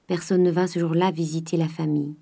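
A woman reading a classic novel aloud, with measured storytelling and a lifted tone for the dialogue. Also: low voice, little pitch movement, gravelly, mellow. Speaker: audiobook reader. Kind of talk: literary audiobook narration.

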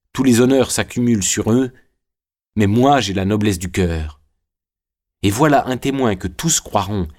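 A man's voice: mid-range voice, a little mellow, natural voice. A man reading the lines of a proud, anguished young prisoner in an audiobook, in a bitter, intense tone.

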